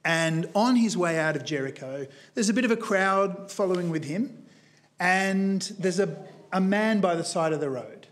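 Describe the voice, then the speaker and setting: A man's voice: high-pitched, animated, normal speed. A man preaching a sermon in a church, earnest and emphatic, telling a story with shifting pace. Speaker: guest preacher.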